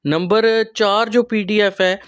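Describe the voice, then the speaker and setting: Pakistani-accented male trainer, high voice, unhurried explainer with many pauses. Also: fairly even intonation, fairly bright tone, clear, resonant tone. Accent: Pakistani Urdu. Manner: explanatory, with frequent pauses and fillers. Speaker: teacher trainer and channel host. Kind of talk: explaining training material to teachers.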